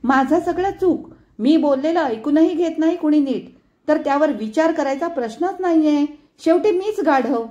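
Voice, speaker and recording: A woman's voice: high voice, measured pace, hardly any pauses, darkish tone, lo-fi sound, voice pushed up. A woman voicing a harried, angry middle-aged mother who scolds sharply and sarcastically in a told story. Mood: furious scolding.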